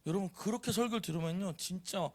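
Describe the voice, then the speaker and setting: A man preaching a sermon in a church, animated and teasing, acting out quoted voices. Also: high voice, quick pace. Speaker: pastor. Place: church sanctuary.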